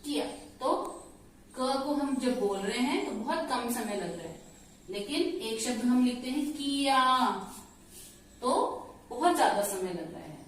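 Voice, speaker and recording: A woman teacher giving a slow, patient lesson and asking her pupils questions. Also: on the high side, expressive, slight background noise. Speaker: school teacher. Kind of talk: classroom lesson. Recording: very echoey room, voice from far off.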